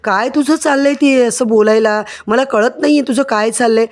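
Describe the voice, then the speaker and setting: A man's voice: extremely high pitch, normal speed, pitched above the performer's own voice. A man voicing a young son who pleads with his mother in a retold serial story, in an exasperated, pleading way.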